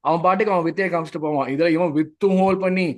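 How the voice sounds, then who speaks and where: A man's voice: a little high, steady tone. A man co-hosting a casual football podcast, speaking with a Tamil accent and slipping English phrases into his talk. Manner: fast talker, mixes English phrases into Tamil. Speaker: podcast co-host.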